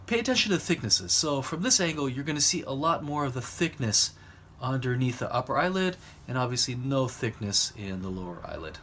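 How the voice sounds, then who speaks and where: Male drawing instructor, mid-pitched, unhurried explanatory delivery, faint noise behind. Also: sing-song, a bit bright. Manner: explanatory, talks while drawing, pauses mid-phrase. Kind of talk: recorded art lesson.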